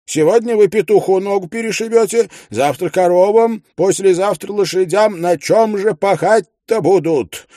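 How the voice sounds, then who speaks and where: A man's voice: sits high, dark tone, no room sound, clean studio sound, pitched above the performer's own voice, natural voice. A man voicing an indignant, quarrelsome noblewoman widow who screeches accusations in an audiobook reading. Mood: outraged. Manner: screeching tirade, rapid outraged accusations. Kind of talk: audiobook character voice.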